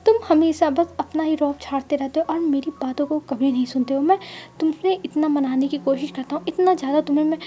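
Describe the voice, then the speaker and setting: A woman's voice: sits high, fairly even intonation, a little fast, dark tone, slight background noise, natural voice. A woman voicing a stern young man who snaps in frustration, then coaxes and apologizes. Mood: frustrated. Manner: firm, then coaxing and apologetic.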